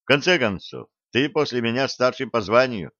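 A man reading a hoarse, grieving army commissar. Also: medium pitch, expressive, normal speed, fairly bright tone, dry recording, lo-fi sound. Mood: stern. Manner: hoarse, clipped military speech. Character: grief-stricken male battalion commissar, stern. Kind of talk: audiobook character reading.

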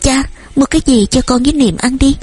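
A woman reading an audiobook, voicing a sensitive young girl in a high childlike voice. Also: fairly quick, darkish tone, husky, faint music behind. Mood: begging.

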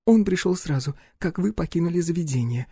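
A man's voice: expressive, a little fast, dark tone, husky, dry recording, studio quality. A man doing a terrified, tearful young woman. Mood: terrified pleading. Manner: high, tremulous, pleading.

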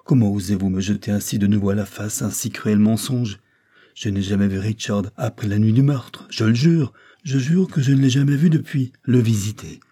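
A man's voice: on the low side, fairly even intonation, moderate pace, dark tone, lightly acted. A man voicing a young woman witness who answers with trembling, indignant outbursts in an audiobook.

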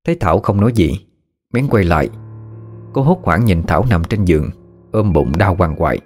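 A man narrating a story in a steady, plain manner. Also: low voice, normal speed, soft background music. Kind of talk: storytelling audio drama narration.

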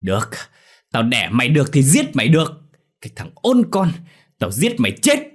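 A man voicing a violent old village father who bellows threats, his speech raised and shouting, in a horror story reading with light music behind. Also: medium pitch, wildly swooping pitch, moderate pace, breathy edge, pitched above the performer's own voice. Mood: furious.

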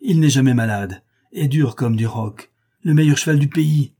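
Bold young adventurer hero, loud and commanding, voiced by a male audiobook reader, husky dark tone. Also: medium pitch, normal speed, voice pushed up, lightly acted. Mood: indignant. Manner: shouting, commanding.

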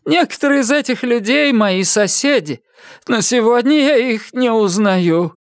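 A narrator voicing a shaken, fussy elderly woman in an audiobook, pleading in a high, quavering voice. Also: animated, measured pace, no echo, clean studio sound. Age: older.

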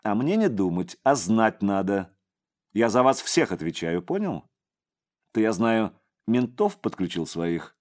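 A man's voice: lowish voice, sing-song, unhurried, a little mellow. A man voicing a domineering middle-aged crime boss who barks out scolding commands.

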